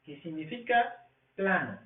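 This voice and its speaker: Guy teaching grammar slowly, asks himself questions, kinda far off the mic. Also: high-pitched, big pitch swings. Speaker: English teacher. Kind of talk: slow classroom explanation. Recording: tinny, echoey, from far off the mic.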